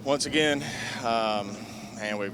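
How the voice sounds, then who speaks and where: A man, a race driver, answering casually in a trackside interview with halting, laid-back phrasing. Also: medium pitch. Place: outdoors at a racetrack. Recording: outdoor track noise behind.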